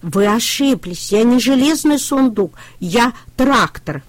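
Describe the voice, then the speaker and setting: A woman's voice: on the high side, lively intonation, slow pace, dry recording, voice pushed up. A woman voicing a polite, naive new tractor in a storybook reading. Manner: polite, gentle.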